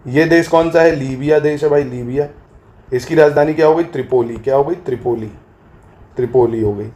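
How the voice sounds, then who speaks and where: A man with a Hindi accent from Uttar Pradesh teaching an exam-prep geography class. He asks his students a question, answers it himself, then says the answer again as a drill. Now and then he slows down and spells a word out letter by letter. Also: mid-range voice, warm tone. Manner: repeats answers in a call-and-response drill.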